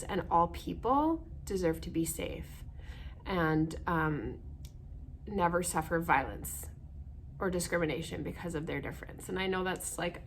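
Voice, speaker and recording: Reading aloud to young listeners, a woman hosts a children's story time, explaining things gently in simple words and often asking them questions. Her voice is on the low side, with a little hiss or hum in the recording.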